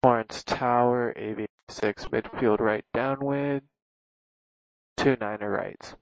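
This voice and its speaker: Man, pilot over the radio, clipped readbacks, gravelly, dry and lo-fi. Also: mid-range voice, steady tone, slow pace, no room sound. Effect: pilot's voice over the aircraft radio. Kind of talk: radio phraseology. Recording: dull lo-fi radio transmission.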